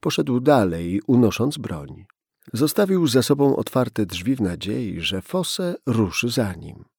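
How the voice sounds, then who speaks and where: A man reading a tense crime audiobook in a measured way. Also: medium pitch, big pitch swings, vocal fry, darkish tone, slightly rough, no room sound, clean studio sound. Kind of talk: scripted audiobook narration.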